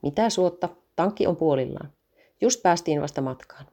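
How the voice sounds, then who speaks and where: A woman reading as a stubborn young father driving his family, quick to tease. His lines come in her low, mellow storybook voice with no big character voice. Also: lively intonation. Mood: teasing.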